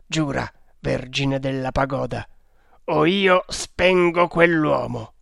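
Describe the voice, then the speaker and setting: Guy doing a ruthless fanatic priest, gravelly and slow, dry close audiobook sound. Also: mid-range voice, steady tone, a bit bright, no room sound, exaggerated voice. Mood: menacing. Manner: stern, implacable, menacing. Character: cruel, fanatical male temple priest. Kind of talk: audiobook character reading.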